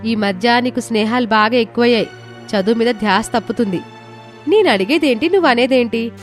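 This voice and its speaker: Woman doing earnest big sister in a story, kinda high pitched, bit of music behind. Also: fairly quick, lightly acted. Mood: stern caring. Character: responsible young woman, elder sister. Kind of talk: storybook dialogue acting.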